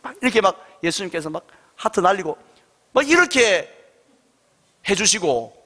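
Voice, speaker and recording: Lively, high-voiced pastor preaching. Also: male voice, normal speed. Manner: lively storytelling with rhetorical questions. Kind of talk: sermon. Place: church sanctuary. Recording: reverberant church hall.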